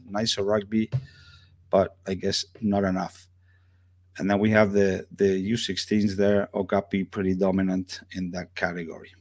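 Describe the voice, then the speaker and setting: A man hosting a casual sports talk show, chatty and joking with his guests. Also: lowish voice. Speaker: show host.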